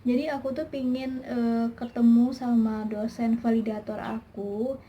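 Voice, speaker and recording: A young woman vlogger shares a personal testimony, chatty and emotional and full of fillers, though her delivery is flat and unhurried. Her voice is slightly high and dark-toned, and the lo-fi recording sounds a little dull with faint hiss.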